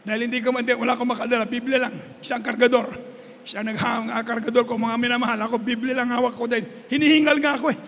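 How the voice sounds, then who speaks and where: A man's voice: very high-pitched, level tone, very fast, a bit bright. A Filipino man preaching a sermon, mixing Tagalog and English and repeating a fond refrain to the congregation. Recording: hall reverb.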